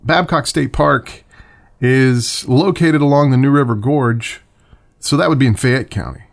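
A man's voice: medium pitch, a little slow, vocal fry. A man hosting a casual birding podcast, talking in a rambling, chatty way with self-corrections and short rants. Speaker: podcast host. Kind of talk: casual solo podcast talk.

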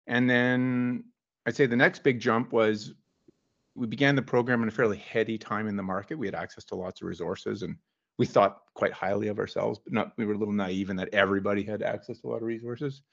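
Male guest, lowish voice, relaxed and wry, lo-fi call audio. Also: a little fast, gravelly. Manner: relaxed and wry, with frequent fillers. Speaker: guest geologist consultant. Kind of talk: casual interview storytelling.

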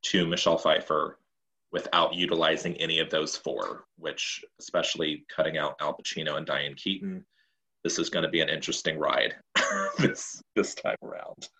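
A man's voice: extremely low pitch, steady tone, fairly quick, pushed and bright, low-quality recording. A man co-hosting a casual podcast chat, explaining a movie-trivia game in a chatty way. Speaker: podcast co-host.

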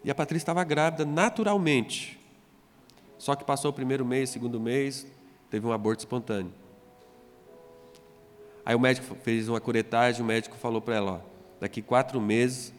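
A man, a pastor telling his conversion story in a sermon and acting out the dialogue. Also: mid-range voice. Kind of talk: testimony sermon. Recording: reverberant hall with soft music.

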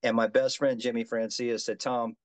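A man in his fifties from the Gulf Coast talks earnestly about his music as an interview guest, often stopping to restart a thought. His voice sits at an ordinary middle pitch. The sound is dry and close, with no room echo. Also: flat delivery, normal speed. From Gulf Coast of the United States. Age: 50s. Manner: earnest, restarts often, says "yes, sir". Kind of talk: casual interview chat.

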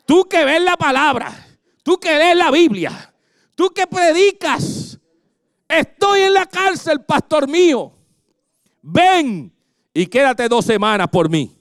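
A male preacher acting out a desperate man who calls his pastor from jail and begs for help in a drawn-out, pleading voice. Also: extremely high pitch, expressive, fairly bright tone, no echo, studio quality, pitched above the performer's own voice, full character voice.

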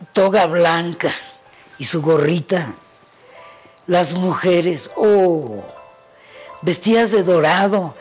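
A woman's voice: on the low side, husky. A woman, a pianist, telling anecdotes in an interview, acting out the voices in her stories. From Mexico. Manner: animated storyteller who acts out the voices in her anecdotes. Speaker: pianist guest. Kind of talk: storytelling in an interview.

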